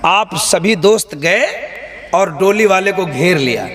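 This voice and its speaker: A man's voice: high-pitched, lively intonation, slow pace, a bit bright. A man preaching a sermon to a live gathering, teasing the listeners, firing questions at them and scolding the noisy ones. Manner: banters with and questions the audience. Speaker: Islamic preacher. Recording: live crowd audible behind.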